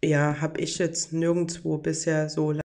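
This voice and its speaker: This forties-aged woman hosts a podcast, delivering a reflective, casual monologue and sharing messages sent in by followers. Her low, darkish voice stays monotone and unhurried.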